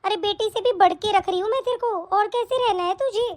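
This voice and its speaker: A woman voicing an elderly, hardworking mother-in-law in an animated story, speaking in a scolding, reproachful way. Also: extremely high pitch, a little fast.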